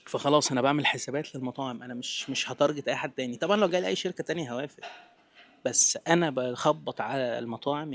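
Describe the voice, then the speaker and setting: A man in his twenties with an Egyptian accent talking naturally without a script, informal and direct as if to a friend, mixing in English terms. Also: medium pitch. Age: 20s. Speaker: vlogger giving business advice. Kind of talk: natural unscripted talk to camera, casual.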